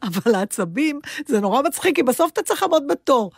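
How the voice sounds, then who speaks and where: A woman's voice: high voice, very animated, gravelly, breathy edge, dry recording, clean studio sound. A woman co-hosting a podcast in casual chat, a chatty storyteller who laughs easily. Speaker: podcast co-host.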